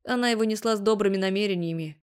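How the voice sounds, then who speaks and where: A woman's voice: mid-range voice, very fast, clean tone, natural voice. A woman voicing a blunt, ironic young man who speaks matter-of-factly, in an audiobook. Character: laid-back ironic young blond man.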